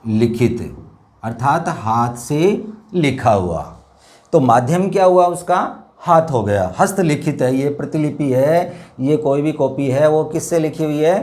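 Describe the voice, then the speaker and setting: A man teaching a Hindi grammar lesson, explaining step by step, repeating words slowly and addressing his viewers as dear children. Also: a little high, darkish tone. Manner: slow, repetitive explanation with drawn-out words. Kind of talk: classroom lesson.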